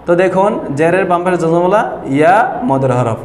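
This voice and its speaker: Man, somewhat high voice, patient whiteboard teacher, roomy echo, faint hiss. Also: a little mellow. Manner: slow, patient explaining, drawing out example sounds. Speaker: Quran reading teacher. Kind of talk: whiteboard lesson on Quran pronunciation. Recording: echoey room with long reverb and faint noise.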